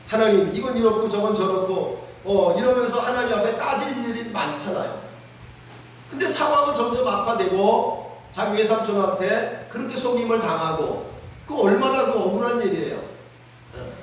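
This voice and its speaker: Pastor, male, high voice, earnest preaching, prompts listeners often, recorded far off in a very echoey room. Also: moderate pace, slight background noise. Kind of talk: sermon. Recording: very echoey room, mic at a distance.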